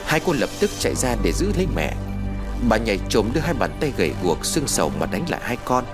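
A man narrating a ghost story from a script in an expressive, dramatic way. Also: medium pitch, fast talker. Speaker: audiobook narrator. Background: background music.

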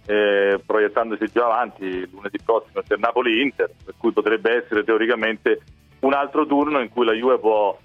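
A man's voice: fairly low pitch, fairly even intonation, normal speed, soft background music. A man discussing football as a radio guest over the telephone, hesitating and repeating words as he builds points. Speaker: newspaper editor as phone-in guest. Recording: narrow tinny phone line.

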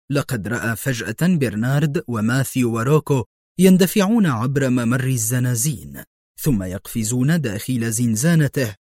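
A male narrator reads an adventure novel in a measured, steady voice at a middle pitch. The sound is dry and close, with no room echo.

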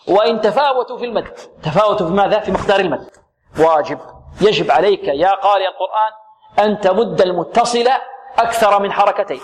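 A man teaching Quran recitation rules. He asks questions and answers them himself, and he recites words slowly to demonstrate them. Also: high voice. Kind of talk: tajweed lesson with demonstrations.

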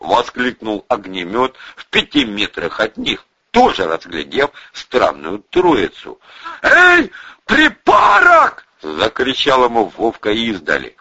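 A male narrator reads an audiobook with a steady, expressive delivery and a very lively melody. His voice is bright and husky, on a dull, lo-fi recording. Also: fairly low pitch, unhurried, hardly any pauses, no room sound.

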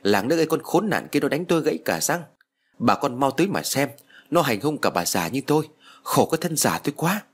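A man's voice: very animated, quick pace. A man voicing a spiteful, foul-mouthed old village woman who curses and wails. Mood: wailing. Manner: shrill, cursing, wailing.

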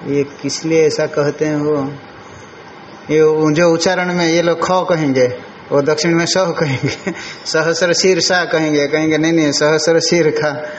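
An older man lectures on scripture as a monk teacher, slowly unpacking each Sanskrit word with deliberate chanting. His voice sits a little high for a man. The recording is muffled and lo-fi, with a roomy echo and a faint hiss behind it. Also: fairly even intonation. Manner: slow, explanatory, chants Sanskrit words deliberately. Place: ashram hall.

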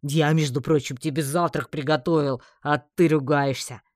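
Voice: mid-range voice, dry recording, clean studio sound, natural voice. A reader voicing a whining male orc cook in an audiobook. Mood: whiny. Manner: whining, slow.

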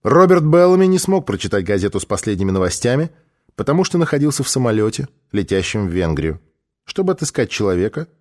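A man's voice: lowish voice, very animated, quick pace, a little mellow. A man narrating an audiobook, shifting his voice for each character's lines. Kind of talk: audiobook reading with voiced dialogue.

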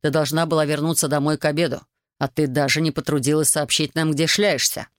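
A strict father questions firmly in a low, stern voice, as a woman reader takes his part. His lines are clipped and controlled, recorded dry and close. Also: fairly even intonation, brisk, dry recording, natural voice.

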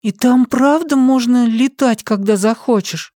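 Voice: mid-range voice, a little slow, dark tone, dry recording, clean studio sound, voice pushed up, lightly acted. A reader voicing a small, frightened boy who pleads through tears. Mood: wondering. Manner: pleading, tearful.

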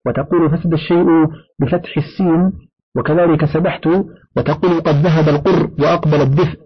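A man reads a classical text aloud in a measured, deliberate manner, his voice pitched a little high. The recording is dull and lo-fi, like an old home-made audiobook. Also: fairly even intonation, husky. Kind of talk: formal recitation of an old book.

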